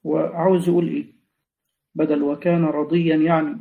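A man with an Egyptian accent follows along with a teacher, cutting in with brief corrections and reading out a note. He has a fairly high, mellow voice, and the sound is dull and muffled. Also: flat delivery, brisk, gravelly. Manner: short interjections and corrections. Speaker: student.

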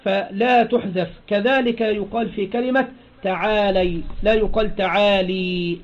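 A man with a high-pitched voice and an Egyptian Arabic accent teaches a grammar lesson. He explains step by step and keeps drawing answers from his listeners with prompting questions. The recording is dull and lo-fi. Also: steady tone, a little slow.

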